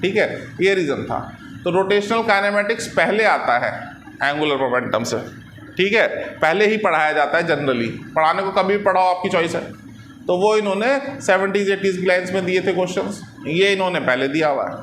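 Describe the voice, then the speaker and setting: A man's voice: high voice, normal speed, a bit bright, reverberant, slight background noise. A man teaching physics in a classroom lecture, explaining patiently and often checking that students follow. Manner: explains patiently, keeps asking "ठीक है?" and "है ना".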